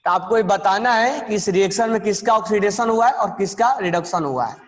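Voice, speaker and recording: A man teaching a chemistry class, explaining quickly, then repeating phrases slowly so students can write them down. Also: sits high, long reverb tail. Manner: mixes quick explanation with slow dictation. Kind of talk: classroom lecture, dictating notes.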